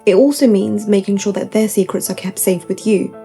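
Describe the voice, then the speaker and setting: A woman's voice: mid-range voice, brisk, mellow, soft background music. A young woman giving upbeat, tidy self-help advice to camera, point by point, with gushing emphasis and repetition.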